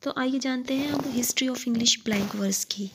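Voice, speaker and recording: A woman teaching literature, reading out English definitions slowly and then explaining them in Hindi. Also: high voice, fairly bright tone, slight background noise, poor audio.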